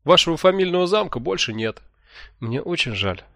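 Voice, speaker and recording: A man's voice: mid-range voice, lively intonation, brisk, no room sound, clean studio sound, close to an everyday voice. A man reading an audiobook who voices a cheerful, smug male sorcerer mentor, talking in a breezy, jovial way. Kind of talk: audiobook character voice.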